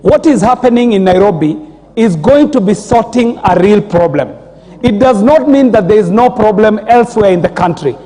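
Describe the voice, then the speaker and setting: Reverberant chamber, Kenyan male MP, high mellow voice, conciliatory formal appeal. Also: animated, moderate pace. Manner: conciliatory, pleading. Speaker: member of parliament. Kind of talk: formal parliamentary speech. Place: large parliamentary chamber. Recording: reverberant large hall.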